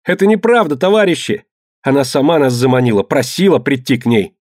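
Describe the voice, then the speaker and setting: A man reading aloud, voicing a cowardly young male sailor in shrill, pleading shouts. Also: quick pace, no echo, studio quality, lightly acted.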